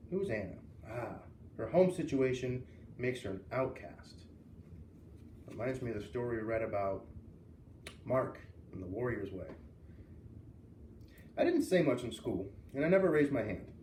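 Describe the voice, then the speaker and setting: Reading aloud from a children's novel, a storyteller brings the dialogue to life with expressive character voices. His voice is medium in pitch with a dark tone, captured by a distant mic in a roomy space with faint hiss.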